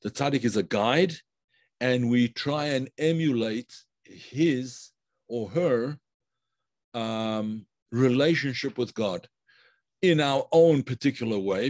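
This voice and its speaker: A man teaching a live online class, unhurried and thinking aloud with many fillers and restarts, stopping to praise viewers' comments. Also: medium pitch, darkish tone, dry recording. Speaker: Kabbalah teacher.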